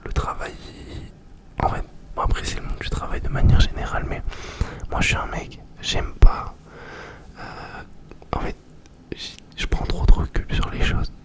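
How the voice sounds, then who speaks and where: A young man doing ASMR, chatting informally in a breathy whisper right in the listener's ear, very close to the microphone. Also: normal speed, pauses often. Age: young adult. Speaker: ASMR video host. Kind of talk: ASMR, informal question-and-answer chat.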